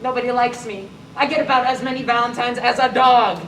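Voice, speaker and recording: A man's voice: very high-pitched, fairly even intonation, fairly quick, fairly bright tone, slight background noise. A young man playing a nervous, gloomy boy in a stage musical. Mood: dejected. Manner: sings with piano, talks himself through worries. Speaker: stage actor. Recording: echoey theater from far off, piano.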